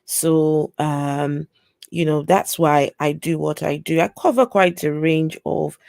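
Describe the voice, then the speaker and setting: A woman from Africa hosting a casual interview chat, talking in a slow, reflective way with many fillers. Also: deep voice, vocal fry, a little mellow, dry recording, clean studio sound. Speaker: host.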